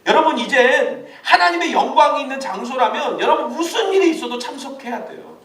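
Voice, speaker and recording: A man preaching a sermon to a youth ministry, lively and laughing often as he acts out quotes. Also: very high-pitched, a little fast. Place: church hall. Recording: echoey room, mic at a distance.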